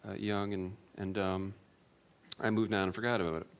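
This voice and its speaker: A man giving a personal testimony to an audience, earnest and self-deprecating, with halting restarts. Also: lowish voice, flat delivery. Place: room with an audience.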